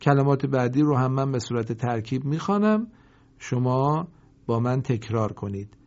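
A man teaching a reading lesson. He explains briskly and recites example words slowly and drawn out for the class to repeat. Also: medium pitch, animated, a little mellow. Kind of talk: recorded lesson. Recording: dull lo-fi recording.

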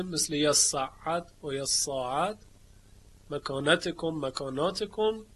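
A man teaching variant readings of the Quran in a lecture, slowly chanting each word in a recitation tone between plain explanations. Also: on the high side, a bit bright.

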